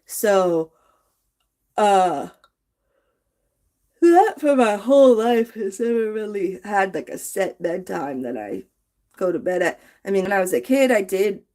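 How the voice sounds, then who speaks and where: A woman's voice: mid-range voice, lively intonation, measured pace, pauses often, mellow. Sleepy, rambling woman streaming late. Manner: rambling, drowsy, chatty. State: sleepy, yawning. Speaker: livestreamer. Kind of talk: late-night casual livestream.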